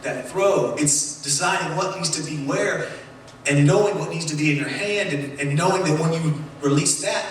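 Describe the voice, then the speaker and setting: A man preaching a sermon in a church, playful and animated, joking with the congregation as he talks. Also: on the high side, moderate pace, a little hiss or hum. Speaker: pastor. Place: church sanctuary. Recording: roomy echoing church hall, mic at a distance.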